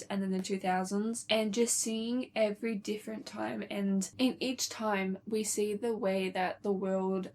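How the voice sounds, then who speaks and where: A young woman vlogger chatting casually about books she is reading, gushing and chatty with lots of "like" and "really". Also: medium pitch. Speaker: book vlogger.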